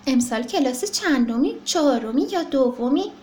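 A woman's voice: high-pitched, animated, darkish tone. Woman voicing a cheerful kind dentist. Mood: playful. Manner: cheerful, reassuring. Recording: roomy echo.

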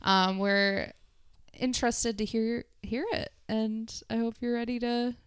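A woman's voice: a little high, steady tone, unhurried, clean tone, no echo. A woman hosting a podcast, upbeat and chatty, with a lot of fillers. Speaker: podcast host. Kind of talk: casual podcast chat.

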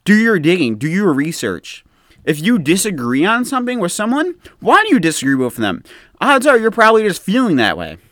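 An American man ranting in an exasperated, mocking tone, often dropping low to mimic the people he criticizes. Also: wildly swooping pitch, a little fast, fairly bright tone, no echo, studio quality. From United States. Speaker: commentator. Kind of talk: opinion rant to camera.

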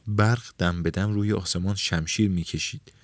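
Male narrator, deep register, dry close mic, reads a novel and voices its characters. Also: fairly even intonation, no room sound. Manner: reads dialogue with raised pitch and shouts for characters. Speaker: audiobook narrator. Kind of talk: scripted narration with voiced dialogue.

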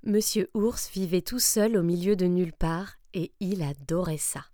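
A woman reading a children's picture book aloud, slow and deliberate. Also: mid-range voice, warm tone, no echo, clean studio sound. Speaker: storyteller.

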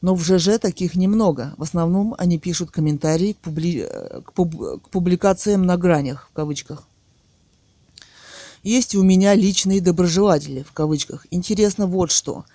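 A man's voice: high-pitched, moderate pace, warm tone, dry recording. A man dictating a written text in short separated phrases, speaking the punctuation aloud and correcting his slips as he goes.

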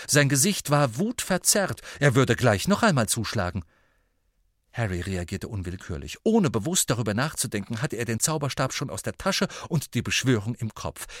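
A man narrating an audiobook in an expressive storytelling manner. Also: medium pitch, dry recording, clean studio sound.

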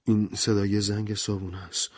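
A man's voice: on the low side, level tone, darkish tone, husky. A man voicing an anxious, frightened middle-aged butler who talks in a nervous, stammering way.

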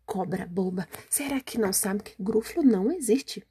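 A woman voicing a small, clever, boastful male mouse in a storybook reading, with a breathy voice. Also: mid-range voice, moderate pace, warm tone. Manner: boastful, cheeky.

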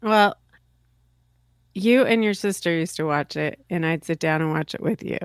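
A woman co-hosting a casual podcast chat, making dry, unhurried remarks. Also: fairly low pitch, clean tone, no echo. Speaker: podcast co-host.

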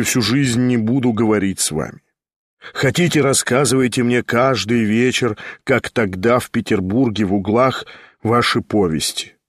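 A man reading an audiobook, voicing a cold, proud nobleman who speaks in a measured, restrained way. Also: mid-range voice, dry recording, clean studio sound, lightly acted.

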